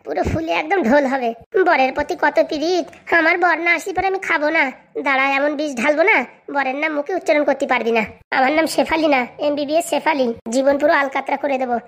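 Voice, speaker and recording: Woman acting as a spiteful village schemer, bengali way of talking, high voice, rattles it off super fast. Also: fairly bright tone. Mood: gloating, spiteful. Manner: gloating, threatening, boastful. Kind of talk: comedic village skit acting.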